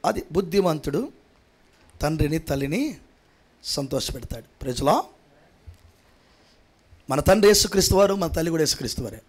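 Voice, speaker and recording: Male pastor, high-pitched, emphatic repetitive sermon delivery, quiet-to-shouting swings, church prayer hall. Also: lively intonation, normal speed, pauses often, husky.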